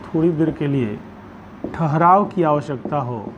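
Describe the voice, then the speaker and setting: Slow-dictating male Hindi grammar teacher. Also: fairly high pitch. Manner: dictates slowly, repeating phrases, asks pupils questions. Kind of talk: dictating a classroom lesson. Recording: dull lo-fi sound with faint background noise.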